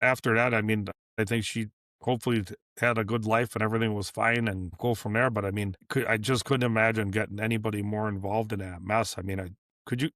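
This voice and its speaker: Low-voiced man telling a shop story. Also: flat delivery, quick pace, fairly bright tone, no room sound, clean studio sound. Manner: rambling, repeats and restarts, acts out dialogue. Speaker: business owner guest. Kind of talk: casual storytelling interview.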